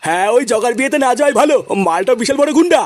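A man's voice: very high voice, lively intonation, rapid-fire, dry recording. A man voicing an irritable old grandfather in a cartoon, scolding and cursing. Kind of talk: cartoon voice acting.

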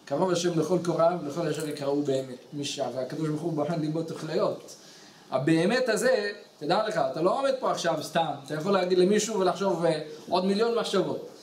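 A man with a high voice delivers a sermon as a lively story, acting out each character's lines as he goes. He is recorded in a roomy, echoing study hall with a faint hum in the background. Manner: animated storyteller who acts out quoted characters. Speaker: rabbi giving a weekly Torah lesson. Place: study hall in a small village.

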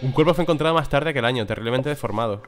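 A young gameplay commentator with a Spain Spanish accent reads game text aloud at a rapid-fire pace, commenting casually and swearing or exclaiming when things go wrong. His voice is medium-pitched, with music playing behind it.

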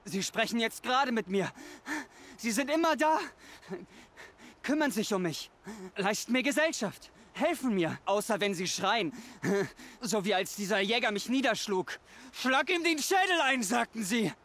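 Scared young game tribesman, way high voice, keeps repeating himself. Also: lively intonation, a bit bright. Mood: troubled. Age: young adult. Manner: pleading, halting, repeats himself. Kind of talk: video game dialogue.

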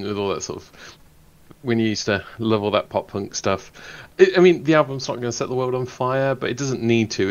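A man's voice: lowish voice, dull audio. A man giving a casual album review, chatty and filled with ums, likes and "you know". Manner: chatty, laughing, many fillers. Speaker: panelist reviewer.

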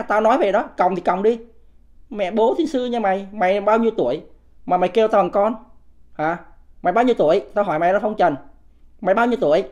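A man in his 50s hosts a political commentary livestream, talking off the cuff and firing rhetorical questions at the audience. He is combative, scolding commenters in blunt, coarse language. His voice is high-pitched with a darkish tone, and the sound is lo-fi.

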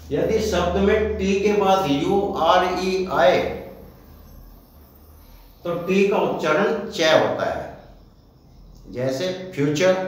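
एक पुरुष शिक्षक हिंदी में अंग्रेज़ी उच्चारण के नियम समझाता है, शब्दों को अक्षर-अक्षर करके सावधानी से बोलता है।. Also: male voice, fairly high pitch. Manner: slow, careful, spells words out letter by letter. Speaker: English pronunciation teacher. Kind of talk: Hindi-medium pronunciation lesson. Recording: echoey room from a distant mic with faint background noise.

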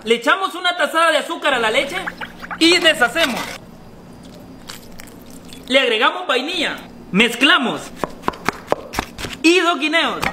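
A man doing comic sketches, jumping between silly voices with shouts and laughs. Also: very high-pitched, noisy background. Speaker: comedy sketch creator. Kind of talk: comic sketches playing many characters. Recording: background music under the voice.

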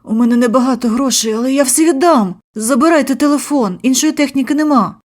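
A woman puts on a skinny young man caught by debt collectors in an audio horror story. He pleads and apologizes, his voice lifted high and strained. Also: fast talker, a little mellow. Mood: pleading. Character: skinny unshaven young male addict, meek.

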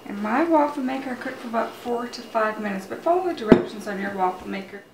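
Fast and lively, a middle-aged woman with a slightly high voice runs through a cooking demo in her home kitchen. She chats casually and explains each step like a home cook hosting her own show. A camera mic some metres away produces distant, roomy audio with loud kitchen noise.

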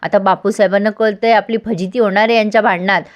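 A woman's voice: medium pitch, fast, dull audio. A woman casually recapping a TV serial episode, acting out the characters' lines. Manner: lively storytelling, voices the characters' lines. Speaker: TV serial reviewer.

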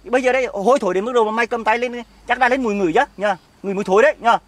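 A man's voice: sits high, quick pace, no echo. A man playing a jealous drinking husband from the north. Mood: taunting. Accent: Northern Vietnamese. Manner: shouting, taunting, sarcastic. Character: jealous, hard-drinking husband, scornful and accusing. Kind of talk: amateur skit acting. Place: outdoors in an orchard.

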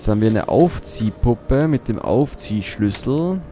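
A man's voice: mid-range voice, expressive, a little slow, warm tone, faint music behind. A man giving casual gameplay commentary as a let's play host, muttering to himself as he thinks aloud.

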